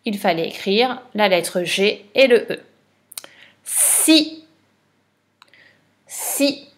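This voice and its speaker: A woman's voice: medium pitch, unhurried. A woman teacher giving a patient dictation lesson for a child, spelling letters and syllables one by one.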